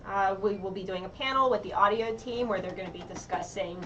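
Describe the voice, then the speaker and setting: A woman's voice: mid-range voice, quick pace, a bit bright, lo-fi sound. A woman co-hosting a livestream, chatty and giggly as she announces upcoming events. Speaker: livestream co-host. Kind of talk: casual livestream chat with announcements. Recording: distant mic with faint room noise.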